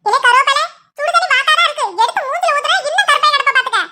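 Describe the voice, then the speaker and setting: Woman putting on a sharp-tongued old granny. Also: very high voice, rapid-fire, slight background noise, pitched above the performer's own voice, exaggerated voice. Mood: scolding. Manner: teasing, sharp-tongued scolding. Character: blunt scolding old village grandmother. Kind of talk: cartoon voice acting.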